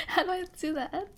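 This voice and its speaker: High-voiced giggly woman streamer. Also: dark tone. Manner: giggly, laughs often; apologetic and self-mocking. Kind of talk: casual live-stream chat.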